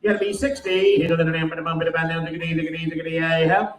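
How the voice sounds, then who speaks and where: A man runs a rapid auction chant in a sale barn, rolling numbers and filler calls in a steady rhythm. His voice sits a little high, with a flat, droning sing-song. The mic is far from him, and the echo of the big barn carries the sound. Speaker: livestock auctioneer. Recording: roomy, from far off.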